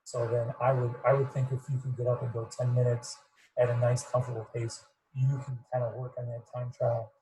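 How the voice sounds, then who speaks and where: Guy coaching runners on a muffled video call, kinda monotone, rambles on, bit of hiss behind. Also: medium pitch, fairly quick. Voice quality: muffled, fuzzy. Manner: rambling, repeats words, self-described monotone. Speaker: running coach. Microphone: computer mic on video call.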